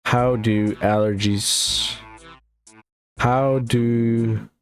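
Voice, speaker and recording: A man's voice: mid-range voice, steady tone, drawn-out words, faint music behind. A young man streaming a casual reaction, rambling and stuttering as he jokes.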